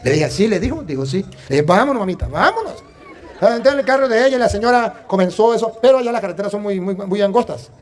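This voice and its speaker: Fast-talking priest, high-pitched. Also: male voice. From Venezuela. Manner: animated, emphatic, tells anecdotes with quoted dialogue. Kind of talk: preaching and storytelling.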